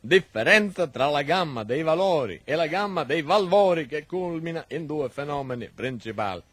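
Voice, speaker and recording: An actor playing a gloomy, pompous male professor who delivers an absurdly muddled mock lecture in a radio comedy, with solemn, garbled learned diction and a husky voice. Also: a little high, expressive, moderate pace, a bit bright, no room sound. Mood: solemnly lecturing.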